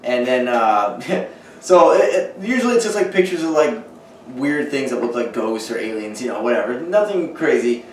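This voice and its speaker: A young man co-hosting a podcast, telling an unsettling story haltingly with many fillers in casual chat. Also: mid-range voice, big pitch swings. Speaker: podcast co-host. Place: dining room at night, around a table. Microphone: far camera. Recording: roomy, distant, faint hiss.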